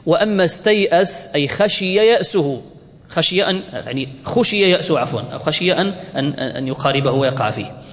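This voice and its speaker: A man teaching Arabic word forms to a class. He asks the class questions and answers them himself, and he slows right down to spell out each form. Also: fairly high pitch, expressive, a bit bright, long reverb tail. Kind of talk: classroom lecture.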